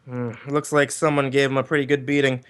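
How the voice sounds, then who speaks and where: For a livestreamed 1940s detective radio drama, a man plays a wisecracking, flirtatious ex-cop private eye, wry, laid-back and inquisitive. His mid-range voice is natural, clear and resonant, level in tone, fairly quick and fairly bright.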